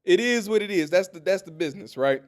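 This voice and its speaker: High-voiced, animated sports podcast man. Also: fast talker. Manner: animated, talks straight to listeners, tells stories. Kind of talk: casual sports commentary.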